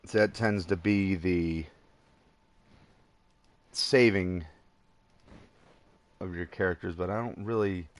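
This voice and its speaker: A man's voice: deep voice, slow, long pauses. A tired man rambling through casual gameplay commentary, chuckling at himself and hesitating often. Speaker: let's play gamer.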